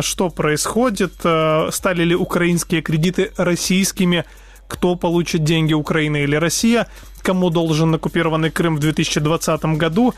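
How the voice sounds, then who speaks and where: A man with a slightly high voice co-hosts radio news from a dry studio. His delivery is hesitant, with halting stretches as he presents. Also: no room sound. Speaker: radio co-host. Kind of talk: live semi-scripted news presenting.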